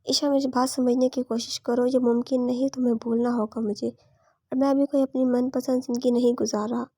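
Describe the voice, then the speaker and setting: A man's voice: extremely high pitch, flat delivery, normal speed, darkish tone, dry recording, clean studio sound. A woman reading the lines of a weary, dutiful married man in a romance audiobook. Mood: weary, firm. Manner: read plainly in the narrator's voice.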